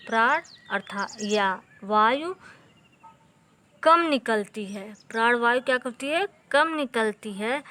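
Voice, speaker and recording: A woman teacher explaining Hindi grammar to exam students, slow and patient, repeating key terms and drilling the letters aloud. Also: a little high, bright, forceful tone.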